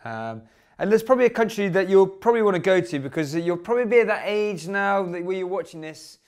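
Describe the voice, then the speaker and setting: A man's voice: high-pitched, expressive, fast. A man telling a rambling, hesitant confessional story in a scripted comedy monologue.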